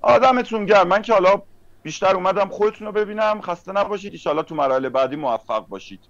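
High-voiced man scolding fellow players. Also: lively intonation. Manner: reproachful, challenging others. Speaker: player in an online mafia game. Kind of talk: casual argumentative game recap. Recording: dry lo-fi online call audio.

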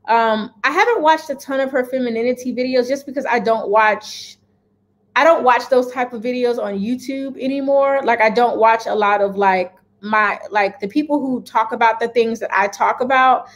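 With a slightly high voice at a moderate pace, a woman in her thirties chats casually to camera from her kitchen at home. A lifestyle vlogger, she is direct and emphatic about her views, frequently asking "okay?".

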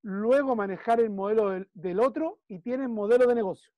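Chilean man, business consultant, high-pitched voice, dry sound, repeats himself a lot. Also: normal speed, no room sound, phone-quality sound. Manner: emphatic, repeats key phrases, checks in with "¿sí?". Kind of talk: one-on-one coaching session.

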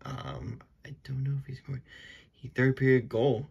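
A man's voice: medium pitch, sing-song, a little slow, creaky, a little mellow, husky, muffled recording. A young man casually talking through opening packs of trading cards, rambling with frequent ums and small self-corrections. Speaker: card-opening video host. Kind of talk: casual unscripted commentary.

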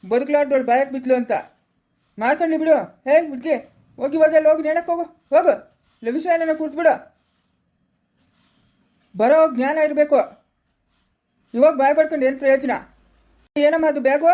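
A woman plays a harsh in-law in a home-made family drama. The voice has a rural Karnataka accent and sits fairly high. She scolds in a loud, cutting way. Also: fairly even intonation, normal speed, pauses often, lightly acted. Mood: scolding. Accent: rural Karnataka Kannada.

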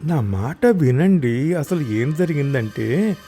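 A man reading the part of a timid young wife who pleads slowly and hesitantly in a told story. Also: fairly high pitch, expressive, breathy edge, soft background music, exaggerated voice. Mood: hesitant pleading. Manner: slow, hesitant, soft-spoken.

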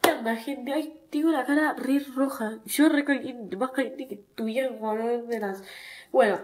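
Her fairly high, slightly mellow voice keeps a moderate pace. She's a young Argentine TikTok creator doing a casual vlog chat, congested from a cold, chatty and self-deprecating, and whiny whenever something hurts.

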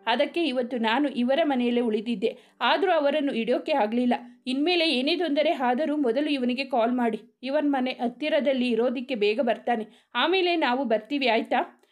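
A woman voicing a calm, protective young man in a storybook reading, speaking in a firm, reassuring way. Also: high-pitched, normal speed, lightly acted.

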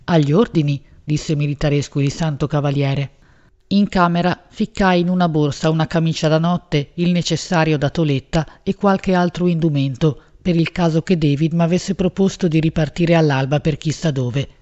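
A woman reads a literary novel aloud at a measured pace, shaping each phrase expressively. The recording sounds slightly dull and lo-fi. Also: deep voice, steady tone, darkish tone. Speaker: audiobook narrator. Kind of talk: literary audiobook narration.

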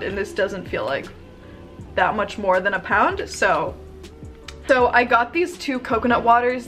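A woman's voice: a little high, a bit bright. A young woman in her twenties talking casually to camera in her bedroom, bubbly and gushing, with lots of "like" and "um". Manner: bubbly, chatty, gushing, frequent "like" and "um". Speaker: vlogger. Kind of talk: casual haul video.

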